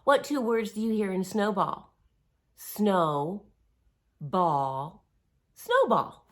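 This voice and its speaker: A woman reads a picture book aloud to young children at a very slow pace, her voice mid-range. Her phrasing is simple and encouraging, with expressive emphasis and small asides and questions.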